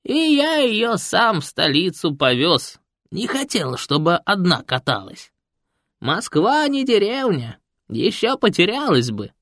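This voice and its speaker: A man voicing a grumpy, shrewd old village man with a creaky, gruff voice in an audiobook. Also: sits high, wildly swooping pitch, a little slow, fairly bright tone, no echo, clean studio sound, pitched above the performer's own voice, full character voice. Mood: storytelling. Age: older. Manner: folksy, blunt storytelling. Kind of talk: audiobook character voice.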